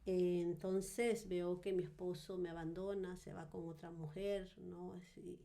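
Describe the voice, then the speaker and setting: A woman telling her personal testimony in a podcast interview, earnest and reflective, often pausing on fillers and tag questions. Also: on the low side, fairly even intonation, gravelly, warm tone. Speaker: guest giving a testimony.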